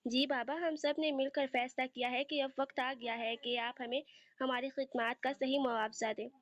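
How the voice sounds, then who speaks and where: A woman's voice: high voice, fairly even intonation, normal speed, lo-fi sound, lightly acted. A woman voicing a cheeky young man who acts mock-innocent and playful.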